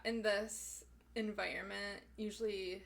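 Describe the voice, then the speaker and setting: A woman's voice: mid-range voice, little pitch movement, a little slow, creaky, a bit bright. A young woman co-hosting a podcast in casual chat, chatty and laughing often, with a lot of "like". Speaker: podcast co-host.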